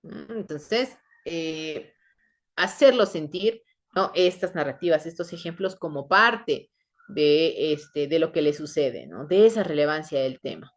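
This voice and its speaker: A woman's voice: deep voice, animated, measured pace. A woman teaching a class in a conversational way, often checking in with her listeners. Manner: conversational, frequent tag questions, acts out quoted voices. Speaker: instructor. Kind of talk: online class lecture.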